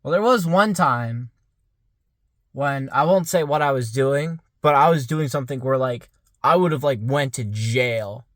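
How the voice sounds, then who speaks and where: A man's voice: mid-range voice, unhurried, no room sound, studio quality. A young man of about twenty musing aloud in a rambling vlog monologue, full of "like" fillers. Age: around 20. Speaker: vlogger. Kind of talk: casual reflective monologue.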